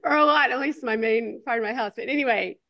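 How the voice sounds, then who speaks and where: A woman's voice: fairly high pitch, quick pace, dull audio. A woman co-hosting a livestream in a casual, chatty style. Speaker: livestream co-host.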